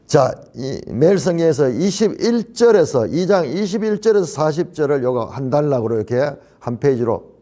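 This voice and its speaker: Mellow-voiced Korean pastor preaching. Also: male voice, a little high, sing-song, normal speed. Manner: emphatic, repeats key phrases. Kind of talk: Bible study sermon. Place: church.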